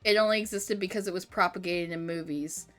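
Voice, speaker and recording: A woman's voice: fairly low pitch, fairly quick, faint music behind. Laughing woman streamer chatting casually. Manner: laughs often, reads chat aloud, animated and joking.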